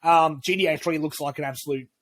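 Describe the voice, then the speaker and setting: A fast-talking man with a voice on the high side and fairly even intonation co-hosts a casual podcast. He rambles through his views, restarting often and swearing in a cheerful manner.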